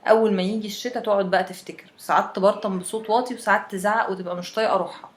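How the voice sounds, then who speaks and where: A woman's voice: mid-range voice, fairly even intonation, rapid-fire, natural voice. A woman voicing a wry, chatty young Egyptian woman from Alexandria who tells a friend about winter.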